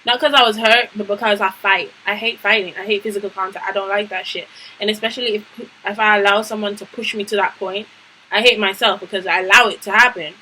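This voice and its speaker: A young adult woman vlogger telling a story in a lively, emphatic, slang-heavy casual way. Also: mid-range voice, fast, a little hiss or hum, low-quality recording. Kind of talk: storytime vlog.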